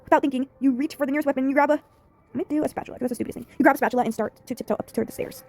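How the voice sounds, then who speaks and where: A woman's voice: high voice, steady tone, racing, darkish tone. Giggly woman reading a story game. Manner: giggly, chatty asides.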